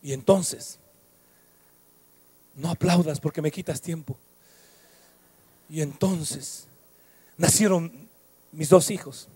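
A middle-aged man with a Mexican accent preaching a sermon, switching between shouted, singsong passages and quiet storytelling. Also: on the high side, slow, long pauses, husky, dry recording.

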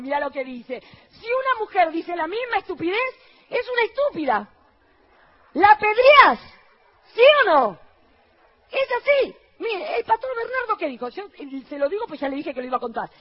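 A woman pastor with an Argentine accent preaching a lively sermon to her congregation, firing rhetorical questions at them and mimicking the people she quotes in a low, mocking voice. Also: muffled recording. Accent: Argentine Spanish.

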